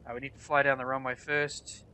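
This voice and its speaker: A man with a mid-range voice and a head cold sounds nasal and congested as he narrates a flight simulator tutorial. His delivery is flat and brisk, with a sharp, clear, resonant tone, and his explanatory commentary stays casual while he plays.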